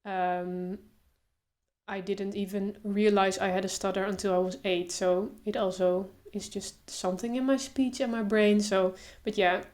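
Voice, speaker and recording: Here a young woman who makes videos talks to camera in a casual tone. Open stuttering comes first, in the form of sound repetitions and pauses, and then she eases into an unhurried, relaxed pace. Her voice is mid-range.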